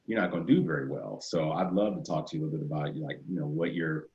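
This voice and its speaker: A man's voice: a bass voice, fast, darkish tone. A male host interviewing a guest over a video call, asking long meandering questions. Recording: roomy, muffled video-call audio.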